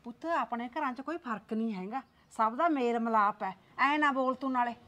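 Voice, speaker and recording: ਇੱਕ ਔਰਤ ਪੰਜਾਬੀ ਲਘੂ ਫ਼ਿਲਮ ਵਿੱਚ ਪਿੰਡ ਦੀ ਸਬਰ ਵਾਲੀ, ਫ਼ਿਕਰਮੰਦ ਸੱਸ ਬਣੀ ਹੈ, ਜੋ ਨੂੰਹ ਨੂੰ ਪਿਆਰ ਨਾਲ ਮਨਾਉਂਦੀ ਹੈ।. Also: female voice, on the high side, moderate pace, fairly bright tone, natural voice. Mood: soothing. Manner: soothing, pleading, worried. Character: village mother-in-law, patient and worried. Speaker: mother-in-law. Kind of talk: Punjabi short film acting.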